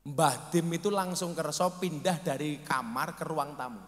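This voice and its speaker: A middle-aged man with a Javanese accent preaching a humorous sermon, telling stories with jokes and loud exclamations. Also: a little high, moderate pace. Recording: long hall reverb.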